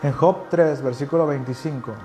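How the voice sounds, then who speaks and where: A man's voice: a little high, moderate pace, mellow, soft background music. A man preaching a sermon in an earnest, conversational way, repeating key phrases for emphasis. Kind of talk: sermon teaching.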